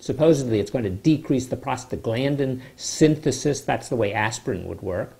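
An older man with a dark, gravelly voice explains medicine to camera from his study. He speaks in a measured, explanatory way and sounds skeptical of the claims he covers. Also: medium pitch. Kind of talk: informal health explainer to camera. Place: home study with bookshelves, indoors.

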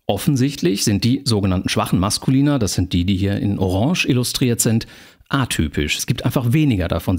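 Male lecturer, lowish voice, measured explanatory delivery, formal address to students. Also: a little mellow. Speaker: university lecturer. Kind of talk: university lecture.

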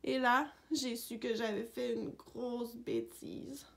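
A woman reading a picture book aloud for young children, narrating gently in a dog's voice of first person. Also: fairly high pitch, takes it slowly, vocal fry. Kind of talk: read-aloud storybook narration.

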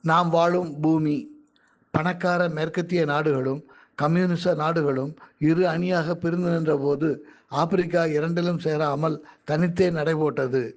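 A man reading his own magazine articles aloud in a measured, careful way. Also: fairly high pitch, steady tone, dull audio.

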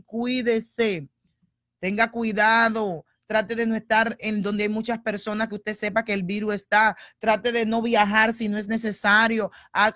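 Woman pastor, teaching sermon, animated and chatty, mid-pitched, dry close sound. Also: no room sound. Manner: animated, conversational, acts out quoted voices.

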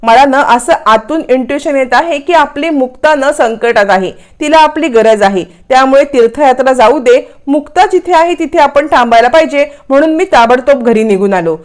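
A woman's voice: high voice, normal speed, few pauses, lightly acted. A woman narrator voicing a stern father who firmly reproaches his daughter's in-laws. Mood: worried. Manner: firm, reproachful.

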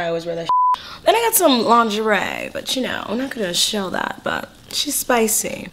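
A woman's voice: mid-range voice, a bit bright. A young woman in her twenties from California, chatting in a bubbly, slangy way through a clothing haul vlog. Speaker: fashion vlogger.

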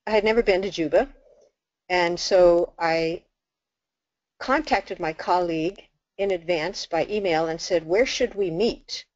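A woman's voice: on the low side, a little slow, no echo. Older woman telling a story. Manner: animated storyteller, acts out dialogue. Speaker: nun giving a talk. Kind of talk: storytelling talk with slides. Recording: dull lo-fi dry recording.

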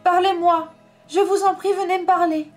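A woman reading aloud, voicing a gentle, lonely old male giant who speaks softly and pleads for company. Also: high voice, animated, brisk. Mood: pleading. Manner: pleading, soft-spoken. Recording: faint background music.

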